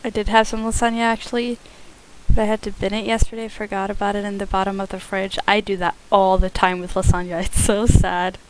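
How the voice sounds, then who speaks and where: A woman's voice: mid-range voice, flat delivery, a little fast, clean tone, low-quality recording. A woman game streamer chatting casually with viewers as she plays. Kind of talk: casual chat with viewers while playing.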